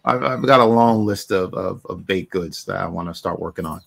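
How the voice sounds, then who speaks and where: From his home, where shelves hold a collection of figures, the middle-aged host from Barbados keeps his video-call interview casual and full of "you know." His low voice is creaky and fairly bright, and he talks at a normal speed.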